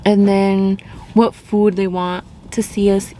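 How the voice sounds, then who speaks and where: A woman's voice: mid-range voice, little pitch movement, slow, mellow, poor audio. A young woman vlogging casually while eating, brash and foul-mouthed, laughing often. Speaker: mukbang vlogger. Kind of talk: casual chat. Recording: music and chatter behind.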